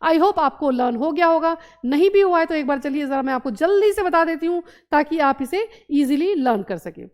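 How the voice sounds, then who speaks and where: A woman teaching geography in Hindi, quizzing the listener with quick questions and then answering them herself. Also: sits high, animated. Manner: drills by asking and answering her own questions. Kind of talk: map lesson for exam students.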